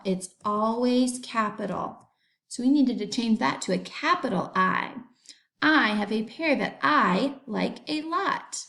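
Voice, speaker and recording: Kindergarten teacher, female, higher voice, unhurried and deliberate delivery for small kids. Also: creaky, fairly bright tone. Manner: slow, deliberate, sounding out words for young children. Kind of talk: remote classroom lesson.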